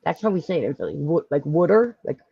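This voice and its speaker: A woman with a Philadelphia accent, hosting a casual live-stream chat, talkative and quick to laugh. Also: low-pitched, creaky, breathy edge, no echo, muffled recording. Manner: chatty, lively, laughs often, many fillers. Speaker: podcast host.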